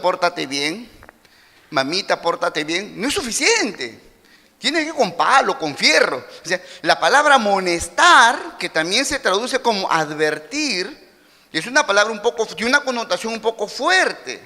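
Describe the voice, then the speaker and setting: A man's voice: high-pitched, in a large hall. A man with a Peruvian accent preaching a sermon as pastor, acting out little quoted scenes as he teaches. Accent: Peruvian Spanish. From Peru. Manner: animated preaching with acted-out quotes. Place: church hall.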